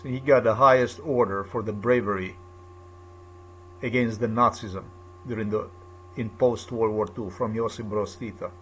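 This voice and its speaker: A man's voice: mid-range voice, pushed and bright, a little hiss or hum. A man from Slovenia with a Slovenian accent, speaking to camera in an insistent, repetitive, lecturing monologue. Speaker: video blogger.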